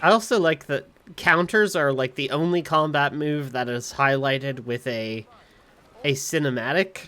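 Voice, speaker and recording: A man giving casual live gameplay commentary as a streamer, musing and halting as he talks. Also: a little high, bright, forceful tone. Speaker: game streamer.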